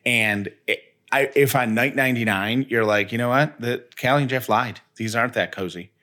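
This podcast co-host, a man with a medium-pitched voice and a bright, forceful tone, moves at a moderate pace. His sponsor reads are conversational, folksy, and enthusiastic.

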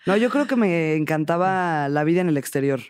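A young Mexican woman, a stand-up comedian, chatting playfully and quickly as a podcast guest, often jumping into joking voices. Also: expressive, darkish tone, clean tone, dry recording, clean studio sound. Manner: playful, fast, jokey with sudden high-pitched bits. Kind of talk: casual interview chat.

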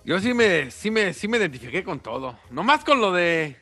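A man's voice: high-pitched, sing-song, moderate pace, pushed and bright, husky, faint music behind. A man co-hosting a radio comedy show, joking and self-mocking. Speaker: co-host. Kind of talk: casual comic chat.

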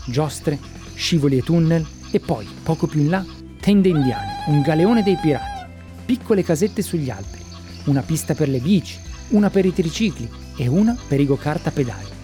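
A storyteller giving a lively, expressive reading of a children's story. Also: medium pitch.

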